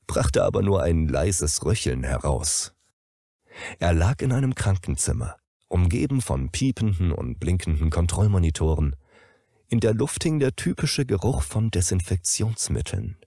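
Man reading a story, low voice, lively melody, dark warm tone, dry close sound. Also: creaky, no echo. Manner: expressive storytelling. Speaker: narrator.

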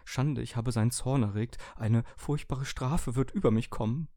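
A man's voice: medium pitch, normal speed, warm tone, no echo, studio quality, lightly acted. A man voicing a devout male toaster that worships its owner, in exalted, solemn tones for an audiobook. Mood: fearful devotion. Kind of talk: audiobook reading.

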